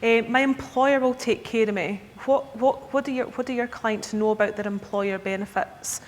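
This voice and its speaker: Speaking at a conference hall, a Scottish woman in her thirties, a key account manager, gives a chatty presentation to advisers and keeps checking in with the room. Her intonation stays fairly even at a normal speed, amid echo and a faint rumble.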